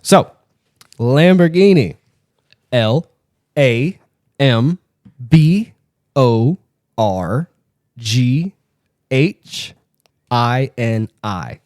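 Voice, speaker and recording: A man co-hosting a podcast, running a spelling game with teasing banter and spelling words out slowly. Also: mid-range voice, expressive, darkish tone, no echo, clean studio sound.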